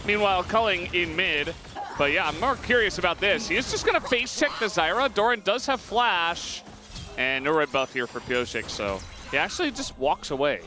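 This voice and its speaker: A young man giving live esports color commentary, animated and quick to laugh at the banter. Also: sits high, music in the background. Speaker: esports caster.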